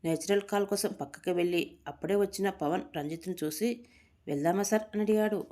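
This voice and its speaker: A woman's voice: medium pitch, fairly quick, warm tone. A woman reading a story aloud, giving the characters' lines small lifts in her voice.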